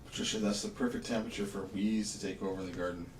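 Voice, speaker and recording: A man's voice: lowish voice, fairly even intonation, rapid-fire. A young man chatting casually and jokingly as a livestream co-host. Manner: easygoing, joking, grumbles playfully. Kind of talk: casual chat while puzzling. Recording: echoey room, distant mic, noisy.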